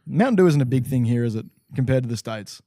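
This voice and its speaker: A man's voice: mid-range voice, expressive, quick pace, warm tone, no echo. Young Australian male co-host, casual, rambling, dry close sound. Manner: rambling, filler-heavy, laughing often. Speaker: podcast co-host. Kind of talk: casual chat.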